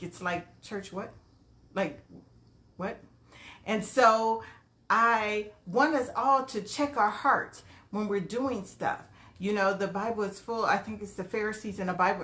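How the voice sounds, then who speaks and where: A woman's voice: mid-range voice, fairly bright tone, echoey room. A woman life coach giving a casual live-streamed motivational talk, greeting viewers by name as she goes.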